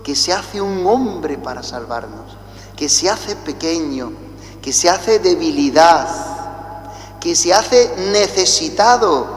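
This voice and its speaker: A priest from Spain with a Spanish accent, chanting the liturgy and then preaching a slow, deliberate homily, heard with a cathedral echo. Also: male voice, on the high side. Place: large church. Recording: echoey church with long reverb.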